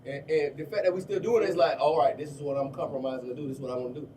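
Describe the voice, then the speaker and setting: Miami guy around thirty talking quick and loose, kinda far from the mic, faint room noise. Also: on the high side, steady tone, warm tone. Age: 30s. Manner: fast, loose street slang, lots of "you know what I'm saying". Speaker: rapper guest. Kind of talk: casual interview chat.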